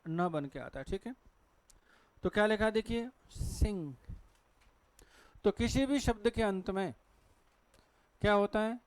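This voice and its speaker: A man's voice: sits high, a little slow, pauses often, smooth, dry recording. A man with a Hindi accent teaching pronunciation to a class at a board, asking questions and answering them himself. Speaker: English teacher.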